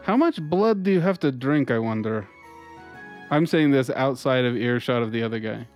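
A man's voice: mid-range voice, expressive, normal speed, a little mellow, soft background music. A man playing a tabletop role-playing game, joking around with the group. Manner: playful, laughs often. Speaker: player. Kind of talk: casual in-character banter.

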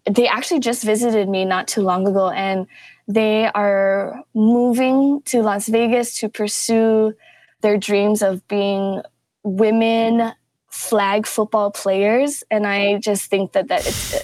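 A young woman teacher, a podcast guest, telling stories in a casual interview and acting out quotes with sudden jumps in pitch. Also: takes it slowly, no echo. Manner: animated storytelling, acts out quotes with pitch jumps.

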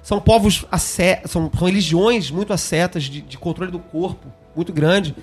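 A man's voice: sits high, moderate pace, slightly rough, faint music behind. Man hosting a casual podcast. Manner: thinking aloud, repeats himself, conversational. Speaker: podcast host. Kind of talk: casual discussion of an esoteric text.

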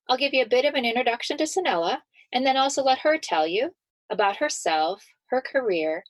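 Measured woman hosting a podcast, dry sound. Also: mid-range voice, dry recording, low-quality recording. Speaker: podcast host. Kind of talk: scripted introduction and interview questions.

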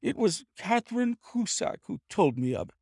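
A man reading aloud and voicing a calm, stern, commanding male detective in a cool, cutting, measured way. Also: on the low side, dry recording, studio quality. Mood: coolly accusing. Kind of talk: audiobook character voice.

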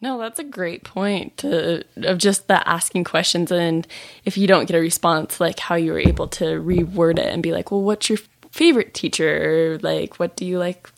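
A woman's voice: on the low side, moderate pace, vocal fry. A woman hosting a podcast interview, asking questions in an upbeat, chatty way. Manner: lively, upbeat, with easy laughter.

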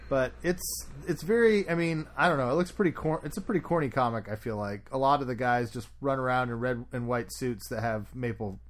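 A man's voice: mid-range voice, a little fast, hardly any pauses. A man hosting a podcast, chatting casually and opinionatedly about comics news. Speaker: podcast host. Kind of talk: casual chat.

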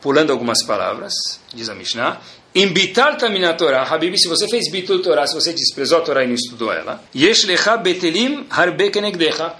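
Brisk and sing-song, this man's high voice sounds pushed and bright as he lectures on Torah as a rabbi. He has a Brazilian Portuguese accent, tells stories, speaks emphatically and colloquially, and keeps asking rhetorical questions and repeating key phrases.

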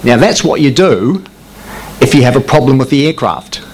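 Older male guest speaker, mid-pitched, spins lively war-story anecdotes, punching up quoted radio calls, faint hum behind. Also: moderate pace. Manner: dry, self-mocking humour with chuckles. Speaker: guest speaker, former military jet pilot. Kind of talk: anecdotal talk to an audience. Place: meeting room before a live audience.

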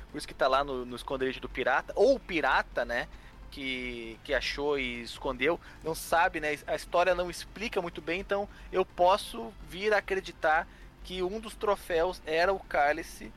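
A man's voice: fairly high pitch, a bit bright. Joking Brazilian man spinning theories. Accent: Brazilian Portuguese. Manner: jokey, rambling speculation with laughs. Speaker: podcast co-host. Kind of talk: casual comedic podcast banter.

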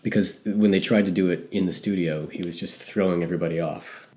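Low-pitched and a little mellow, his voice keeps a fairly even intonation at a slightly fast pace. As a podcast co-host on a casual music talk show, he rambles, hedges, and keeps correcting himself.

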